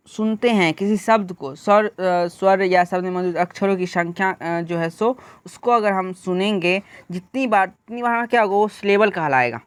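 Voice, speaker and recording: A woman teaching an exam-prep lesson, slowly reading out English definitions and then explaining them in Hindi with many fillers. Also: mid-range voice, no room sound. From India.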